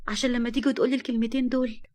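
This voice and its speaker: A woman's voice: flat delivery, very fast, darkish tone, close to an everyday voice. A woman doing a tearful, defiant young Egyptian woman. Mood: hurt, defiant. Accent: Egyptian Arabic. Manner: high, pleading and indignant.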